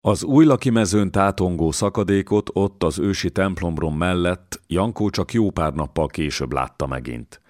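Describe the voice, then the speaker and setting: A man reading a historical novel aloud as an audiobook narrator, measured and steady. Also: sits low, dry recording, studio quality. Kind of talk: scripted narration.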